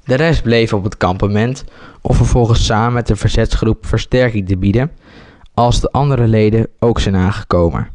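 A man reading a homemade war story aloud, halting with slips and restarts. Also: lowish voice, darkish tone.

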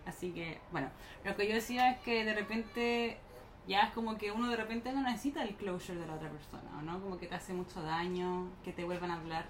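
A woman's voice: mid-range voice, brisk. A young woman with a Chilean accent hosting a podcast, chatting casually and laughing often. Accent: Chilean Spanish. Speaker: podcast host. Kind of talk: casual chat. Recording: roomy with faint noise.

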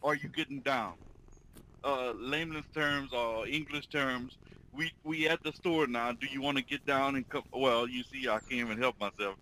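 Casting: male co-host, Louisiana Creole accent, bright forceful voice, slangy casual chat, some background noise. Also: mid-range voice, moderate pace, low-quality recording. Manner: slangy, informal, tells anecdotes. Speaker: co-host teaching local Creole expressions.

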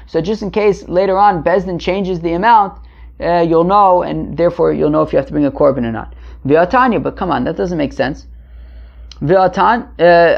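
Male teacher, conversational and halting, gravelly voice, explaining religious text; dull lo-fi sound. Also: high-pitched. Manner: conversational, halting, asking and answering his own questions. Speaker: Talmud teacher. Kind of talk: informal Talmud lesson, translating as he goes. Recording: muffled lo-fi recording.

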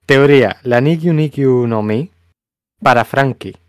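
A man's voice: mid-range voice, unhurried, clear, resonant tone, dry recording, clean studio sound. A man co-hosting a podcast, chatting casually and leading with questions. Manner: lively, asks the questions. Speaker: podcast co-host. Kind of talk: casual chat.

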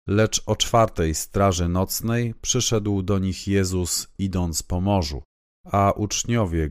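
A man reading scripture aloud in a measured, even, solemn way. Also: deep voice, no echo, clean studio sound. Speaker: Bible reader.

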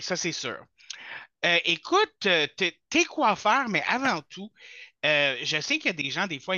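Quebec podcast host, male, higher bright voice, teasing and jokey, dull dry lo-fi sound. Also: no room sound. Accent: Quebec French. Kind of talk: casual interview.

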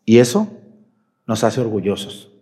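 Folksy priest preaching. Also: male voice, fairly low pitch, very animated, measured pace, warm tone. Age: 40s. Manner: questioning the congregation directly, folksy. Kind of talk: sermon at Mass.

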